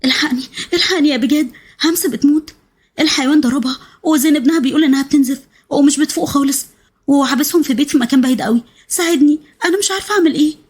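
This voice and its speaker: Woman reading an urgent loyal girlfriend, Egyptian accent, very fast, high, storybook. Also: lightly acted. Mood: frantic. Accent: Egyptian Arabic. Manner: urgent, rapid, coaxing with a child. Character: frantic loyal female friend, protective and urgent.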